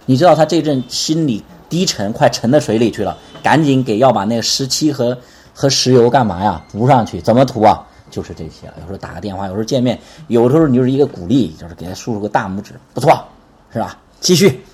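A man preaching a conversational sermon, lively and constantly asking the congregation to answer back. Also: medium pitch, fast, husky.

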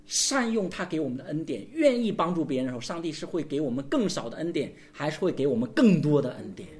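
Man, pastor, sermon, lively swooping intonation, call-and-response, rhetorical questions. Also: on the high side, fast.

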